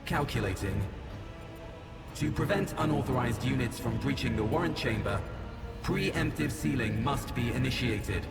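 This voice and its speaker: An actor playing a cold, formal male machine guardian in a video game, with a booming metallic robot voice reporting in flat, clipped protocol lines. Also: moderate pace, creaky. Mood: clinical. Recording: echoey hall, far off, loud game music.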